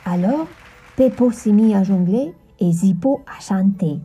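Breathy dark-voiced woman storyteller. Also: mid-range voice, expressive, unhurried, soft background music. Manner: gentle storytelling. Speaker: narrator. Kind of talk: scripted children's story narration.

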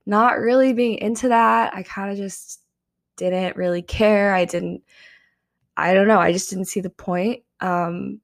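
Hosting her own podcast alone, a young adult woman chats casually in a steady, gravelly, medium-pitched voice at an unhurried pace. Karaoke has left her voice slightly strained, and she fills her speech with frequent ums.

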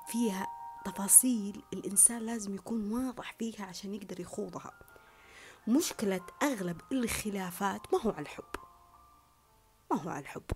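A woman's voice: mid-range voice, a little mellow. A woman gives an earnest, emphatic monologue, repeating her points and often dropping to a whisper. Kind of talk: reflective monologue on love and relationships.

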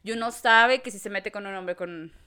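A woman's voice: mid-range voice, moderate pace, smooth. A young woman with a Mexican accent, co-hosting a casual chat in a frank, crude way. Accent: Mexican Spanish. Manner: frank, crude, bursts into loud laughter. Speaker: podcast co-host.

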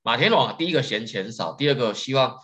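A man's voice: medium pitch, lively intonation, pushed and bright. A man, hosting a podcast and chattily retelling a folktale. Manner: chatty, loads sentences with drawn-out particles. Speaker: podcast host.

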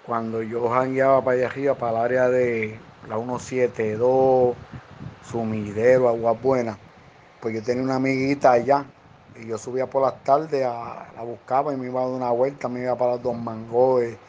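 A Puerto Rican man spins casual, slangy stories from his security guard days, jumping into the voices of the people he quotes. His voice sits at an ordinary middle pitch. The recording is dull and lo-fi, with a faint hiss underneath. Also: little pitch movement, moderate pace, darkish tone. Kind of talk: casual storytelling.

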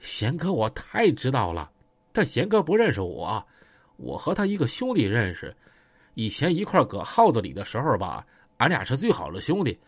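A man's voice: mid-range voice, wildly swooping pitch, normal speed, husky, dry recording, voice pushed down, heavily acted. A man voicing a cautious, polite ex-con who talks in a pleading, deferential way, with a Northeastern Chinese accent.

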